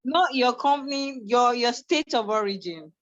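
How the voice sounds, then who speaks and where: High-voiced Nigerian woman, muffled call. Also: lively intonation, normal speed. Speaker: meeting participant. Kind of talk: casual questioning.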